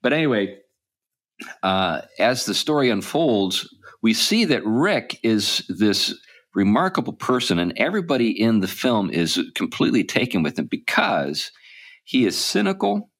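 Podcast host, male, low voice, loose and meandering delivery. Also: fairly bright tone. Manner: rambling, with frequent ums and restarts. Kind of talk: casual chat.

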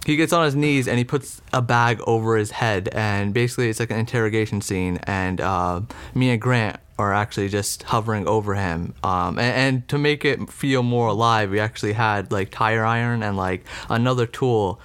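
A man's voice: lowish voice, normal speed, hardly any pauses, fairly bright tone, clean tone. A man in his twenties recounting a story in a casual interview, rambling with lots of "like" and "um". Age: 20s. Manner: rambling, frequent "like" and "um", laughs.

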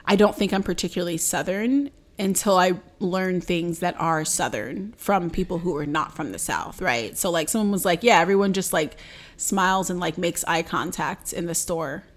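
A woman's voice: fairly low pitch, normal speed. A young woman from North Carolina chatting casually, laughing often and hedging her words. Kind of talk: casual chat.

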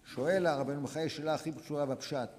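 A man, a rabbi, teaching a religious lesson to students, urging them on with repeated short commands and sudden swings between quiet and loud. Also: fairly high pitch, steady tone. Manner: exhorting, repetitive, sharp swings from soft to loud. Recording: long hall reverb.

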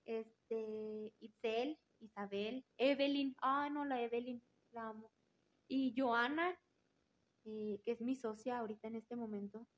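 A woman's voice: fairly high pitch, steady tone, unhurried, dull audio. A woman with a Mexican Spanish accent telling a personal story in an interview, candid and casual, swearing freely and repeating words for emphasis. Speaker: interview guest.

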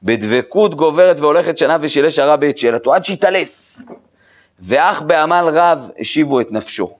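A man with a somewhat high voice leads a Torah class as the rabbi. He talks in a loose, conversational way with casual fillers. He keeps asking rhetorical questions and checking whether his listeners are with him. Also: lively intonation. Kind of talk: spoken Torah lesson to a group.

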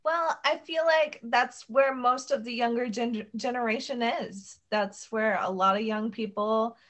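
A woman's voice: on the high side, measured pace, fairly bright tone. A young woman from the United States, a podcast guest talking casually about her faith, with plenty of "like" and "um". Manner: chatty, peppered with "like" and "um". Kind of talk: casual conversation.

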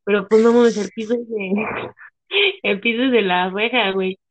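A woman's voice: mid-range voice, normal speed. A young woman with a Mexican accent, chatting casually as a co-host, telling stories full of slang and swearing. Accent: Mexican Spanish. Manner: slangy, swearing, animated storytelling. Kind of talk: casual chat. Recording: tinny phone-like sound.

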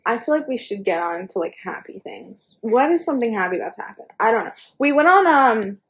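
A woman's voice: on the high side, very animated, a little fast. A teenage girl co-hosting a casual chat, sounding tired, sighing and trailing off often. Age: teens. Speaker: co-host.

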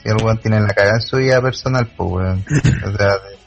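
A man's voice: lowish voice, fairly quick, gravelly, highs cut off, faint music behind. A man with a Chilean accent in casual podcast chat, crude and joking. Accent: Chilean Spanish.

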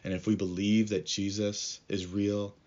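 A man preaching a podcast sermon in an earnest, measured way and telling a story to make his point. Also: on the low side, level tone, a little mellow, muffled recording.

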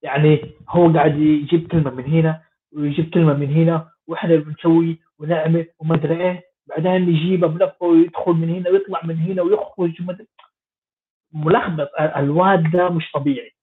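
A man's voice: fairly high pitch, steady tone, fast. A man giving sarcastic, mocking political commentary in a rambling way. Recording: tinny phone-like audio.

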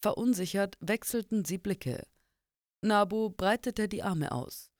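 A woman narrating a fantasy audiobook chapter in an expressive reading voice, in a dry close studio recording. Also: mid-range voice, unhurried, dry recording. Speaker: audiobook reader.

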